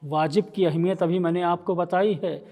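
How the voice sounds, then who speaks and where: A man with an Indian Urdu accent, a maulana teaching Quran recitation rules. He explains, quizzes the listeners and breaks into slow melodic chanting. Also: high-pitched, fairly even intonation, warm tone. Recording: long reverb in a hall.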